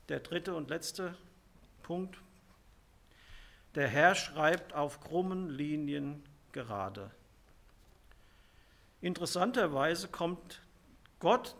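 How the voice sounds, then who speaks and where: A man preaching a sermon, slowly retelling and quoting scripture with emphasis. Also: a little high, creaky, fairly bright tone.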